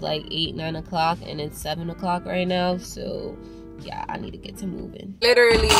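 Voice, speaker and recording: A young woman talking casually to her viewers in a day-in-the-life vlog, candid and loose. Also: on the low side. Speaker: vlogger.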